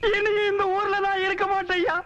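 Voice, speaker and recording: An actor playing a loyal, self-pitying servant in a film comedy, pleading. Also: male voice, very high voice, little pitch movement, brisk, fairly bright tone, a little hiss or hum. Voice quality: whining, pleading. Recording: dull lo-fi film audio.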